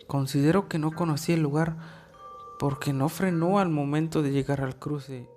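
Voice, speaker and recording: A man narrating a first-person horror story in a measured, deliberate way with dramatic pauses. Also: on the high side, fairly even intonation, a little mellow, faint music behind.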